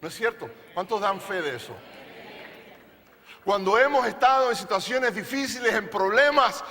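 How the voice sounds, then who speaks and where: A man's voice: sits high, lively intonation, normal speed, bright, forceful tone, in a large hall. A male pastor preaching a sermon to a congregation, emphatic and playful, often asking them questions. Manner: playful, jokes with the audience. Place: church service.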